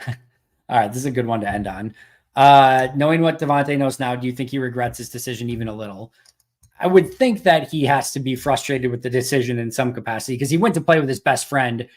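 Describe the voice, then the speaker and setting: Host, male, casual live-stream Q&A voice, loose and chatty, a bit hoarse. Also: mid-range voice. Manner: conversational, thinks aloud with restarts. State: losing his voice. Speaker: podcast host.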